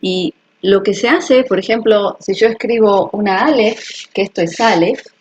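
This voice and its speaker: Husky woman talking earnestly to viewers. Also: mid-range voice, unhurried, a little mellow. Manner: earnest, personal, repeats "¿ok?" to check viewers follow. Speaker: health video host. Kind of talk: casual explanatory talk to viewers.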